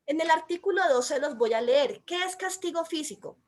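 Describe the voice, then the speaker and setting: A Colombian woman and mother with a Colombian accent, explaining a law in an emphatic way and describing herself as loud by nature. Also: high voice, lively intonation, normal speed. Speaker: mother and commentator. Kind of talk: explanatory commentary.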